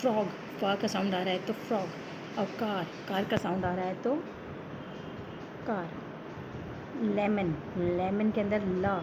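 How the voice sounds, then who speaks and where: A woman with an Indian accent, teaching a grammar lesson, explaining slowly and answering her own questions. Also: medium pitch, steady tone, background noise.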